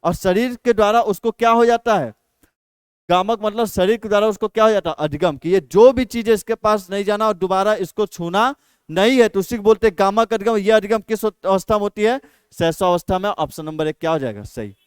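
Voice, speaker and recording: A man's voice: sits high, fairly quick, clean tone, no room sound. A man teaching an exam practice lesson, repeating each question and then answering it himself.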